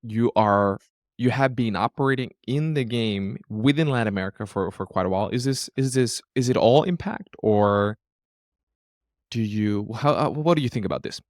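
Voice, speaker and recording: A man from Finland with a fairly low voice hosts an interview, asking long questions with many stammered restarts. The sound is dry and close, with no room echo. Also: moderate pace. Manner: hesitant, repeats words while framing questions. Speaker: podcast host. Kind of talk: interview conversation.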